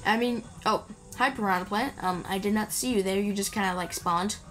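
A woman gaming video creator with a mid-range, slightly bright voice talks fairly quickly over video game music. Her gameplay commentary is casual, rambling, and playful, and she chats directly to the game and its characters.

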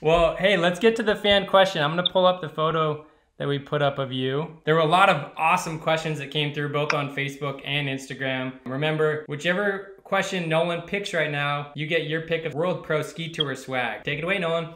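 A man in his thirties hosting a casual video call interview, upbeat and quick to laugh. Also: on the high side, fairly bright tone. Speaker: host. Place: room at home. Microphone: video call webcam. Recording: echoey room over video call.

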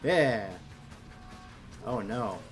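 Animated self-mocking male gamer. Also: medium pitch, very slow. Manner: reactive, self-mocking exclamations. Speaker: gameplay host playing the game. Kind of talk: casual let's-play commentary. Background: game music.

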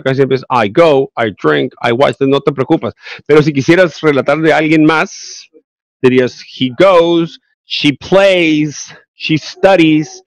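Chatty Mexican teacher, dry close sound. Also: male voice, a little high, no room sound. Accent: Mexican Spanish. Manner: chatty, explains step by step, many check-ins. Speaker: English teacher. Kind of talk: online class lecture.

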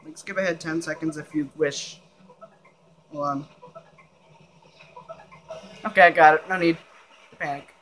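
A man's voice: fairly high pitch, fairly even intonation, unhurried, long pauses, fairly bright tone. A young man giving casual, rambling commentary while playing a video game. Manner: rambling, offhand asides. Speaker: gameplay video creator. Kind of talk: casual let's-play commentary. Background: faint game music.

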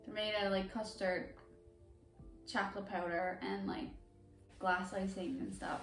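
A young woman chats unhurriedly through a candy taste test, squeamish and quick to laugh. She sounds set back from the mic in a roomy space, with faint music underneath. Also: mid-range voice, level tone, a bit bright, recorded from a distance. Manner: chatty, squeamish, laughs easily. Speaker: vlog host. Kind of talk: casual chat while taste-testing candy.

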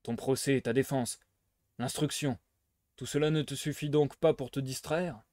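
Man doing a wary old police inspector, ironic and skeptical, dry sound, mid pitch. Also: fairly even intonation, moderate pace, a little mellow, dry recording, lightly acted. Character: gruff older police inspector, weary skeptic. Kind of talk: live reading of a novel aloud.

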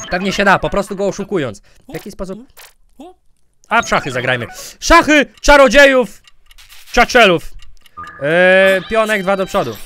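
A man giving jokey let's-play commentary, goofing around with silly name twists and sudden loud outbursts. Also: sits high. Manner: goofy, jokey, mispronouncing names on purpose, bursts of loud outbursts. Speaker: gaming YouTuber.

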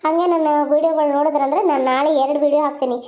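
A woman who makes cartoons closes her video by chatting straight to her viewers. Her voice is very high. The audio is dull and lo-fi. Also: fairly even intonation, very fast, a little mellow. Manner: chatty, direct appeal to viewers. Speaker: cartoon creator. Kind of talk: casual outro to viewers.

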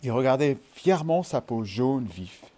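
A man reading a children's storybook aloud in an expressive, animated way. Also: medium pitch, normal speed.

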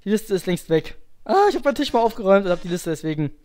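A man's voice: sits high, very animated, racing, darkish tone. A man giving loose, slangy gameplay commentary, cursing and muttering to himself as he plays. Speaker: let's play host.

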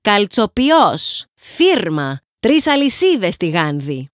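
A woman voicing a burly, blunt middle-aged hosier with a thunderous, plain-spoken shout, in a storybook reading. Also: medium pitch, very animated, no echo, studio quality, natural voice.

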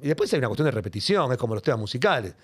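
A man's voice: medium pitch, very animated, very fast, slight background noise. A middle-aged man from Argentina with a Rioplatense accent, a comedian telling stories in a casual interview and acting out quotes in raised voices. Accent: Rioplatense Spanish. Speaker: guest comedian. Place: studio.

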